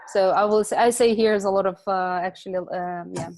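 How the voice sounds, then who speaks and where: A woman's voice: medium pitch, fairly even intonation, fairly quick, a little mellow, no echo. A woman from Ukraine, speaking on a video call from home as a guest speaker, hesitant, with many fillers and restarts. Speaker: community organizer, guest speaker. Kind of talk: casual online talk.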